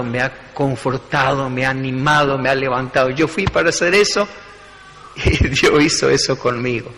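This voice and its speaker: A male pastor delivers a sermon in short, stacked phrases that keep rising in emphasis. His voice sits slightly high for a man. It carries a long reverb from a church hall. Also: a bit bright.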